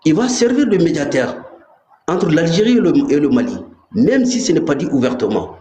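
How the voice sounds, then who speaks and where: A man talks politics with emphatic conviction, hammering his points home. His voice sits a little high yet sounds dark and mellow. The recording is roomy and echoey, with a faint hiss of background noise. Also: sing-song, moderate pace. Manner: emphatic and insistent. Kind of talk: live political commentary.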